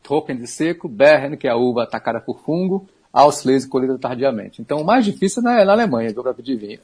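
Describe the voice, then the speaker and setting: A man of middle pitch with a husky edge speaks as a radio wine commentator. He explains patiently and informally, dropping in quick asides and the odd chuckle. He sounds close to a studio microphone. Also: sing-song, a little mellow. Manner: easygoing and teaching, with small asides and laughs.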